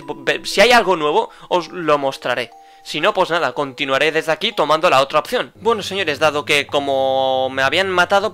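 Brief: man, let's-play commentator, chatty and rambling, bright, slightly high voice. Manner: chatty, addresses viewers, rambling restarts. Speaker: gameplay commentator.

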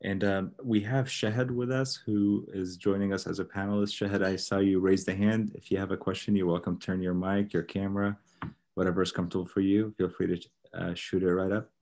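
A man moderating a video panel, polite and welcoming in a soft-spoken way. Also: low-pitched, flat delivery, brisk.

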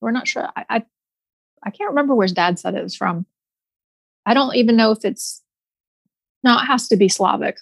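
Higher-voiced easygoing woman guest. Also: moderate pace, creaky, pauses often, slightly rough, no room sound. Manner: easygoing, thinking aloud. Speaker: guest artist. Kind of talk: casual interview conversation.

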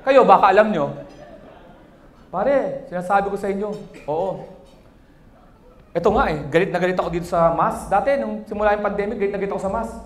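Animated stand-up comedian man, echoey hall. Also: high voice, brisk, pauses often. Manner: animated, acts out quoted voices. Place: wedding reception hall.

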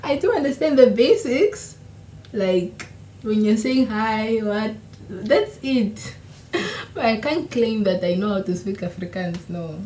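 A young woman from Namibia, native Oshiwambo speaker, talks slowly in a slightly high, dark-toned, animated voice. As a YouTuber, she sits before a camera in a small room at home, casually fielding vlog questions while laughing and correcting herself. Echo and faint hiss fill the recording.

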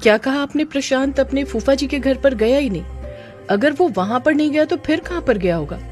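A woman voicing a sympathetic young man who calms and reassures a crying woman. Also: fairly high pitch, brisk, natural voice. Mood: concerned, soothing. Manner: soothing, reassuring. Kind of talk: audio drama narration. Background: background music.

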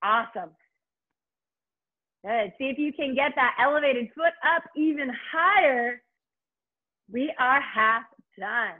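High, breathy woman, aerobics instructor. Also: animated, takes it slowly, long pauses, phone-quality sound. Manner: upbeat, encouraging, urging coach with short commands. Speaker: fitness instructor and host. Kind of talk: aerobics instructor leading a workout, calling counts and cues.

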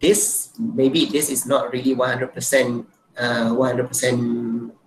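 A man's voice: medium pitch, level tone, measured pace. A male university lecturer, explaining slides in an online lecture and often saying "let's say, for example". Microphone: computer mic on a video call. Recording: echoey room with faint hiss.

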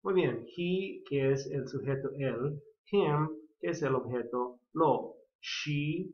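A man's voice: a little high, slow pace. An American man from California, a native English speaker, teaching an English grammar lesson in Spanish, patiently repeating model sentences. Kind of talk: slow bilingual grammar lesson. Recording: echoey, dull lo-fi sound.

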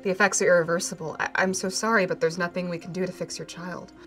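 A woman's voice: on the low side, steady tone, fast talker, fairly bright tone, faint music behind. A woman playing an awkwardly apologetic doctor in a comedy sketch. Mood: grave, awkward. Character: uneasy, apologetic female doctor.

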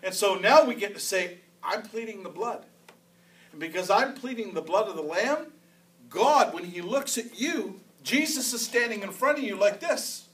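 A man's voice: high-pitched, expressive, normal speed, a bit bright, recorded from a distance, a little hiss or hum, poor audio. A man preaching a sermon as pastor, in a conversational style that repeats phrases for emphasis. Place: church sanctuary.

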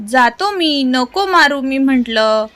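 A woman's voice: sits high, animated, slow, a bit bright, full character voice. A woman reading aloud and voicing a frightened young boy who wails and cries out. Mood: wailing. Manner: wailing, drawn out.

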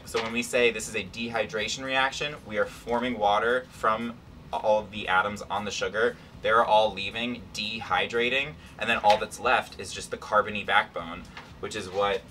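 A man's voice: lowish voice, moderate pace, bright, forceful tone. A young man explaining science casually, in a playful, slangy, irreverent way. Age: young adult. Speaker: chemistry presenter. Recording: distant camera mic, faint room noise.

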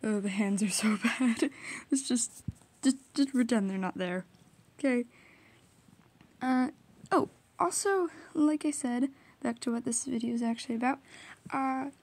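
Young woman, casual art-vlog voiceover: rambling, giggly, self-mocking, fairly high, mellow voice. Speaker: art vlogger. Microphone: small audio recorder, drifts off mic.

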